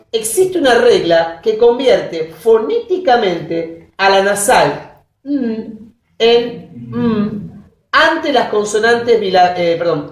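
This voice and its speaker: Slow-talking woman lecturing a class, keeps asking students questions, recorded from far back in an echoey room. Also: medium pitch. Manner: keeps checking understanding with quick questions to students. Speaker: linguistics lecturer. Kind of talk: university lecture. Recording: roomy classroom audio from a distance.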